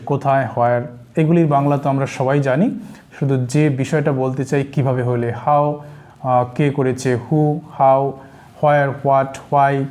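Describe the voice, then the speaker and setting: A man with a Bengali accent teaching spoken English, explaining slowly and repeating example sentences in two languages. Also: mid-range voice, dark tone. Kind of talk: language lesson.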